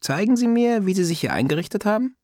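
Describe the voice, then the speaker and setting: A man's voice: high-pitched, animated, fast, darkish tone, no echo, studio quality, voice pushed up. A man reading an audiobook, voicing an old, talkative, insistent female neighbor in a raised, mock-polite voice. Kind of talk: audiobook character voice.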